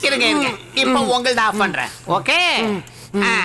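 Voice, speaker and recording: A woman's voice: on the high side, big pitch swings, moderate pace, heavy background noise. An actress playing a cheeky young woman who chattily fusses over sleeping elders, in film dialogue. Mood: teasing. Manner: teasing, chatty. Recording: film soundtrack with music behind.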